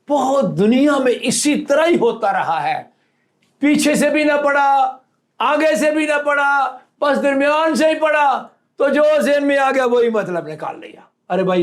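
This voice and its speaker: Animated high-voiced male preacher. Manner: animated, acts out quoted lines with rising emphasis. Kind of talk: sermon.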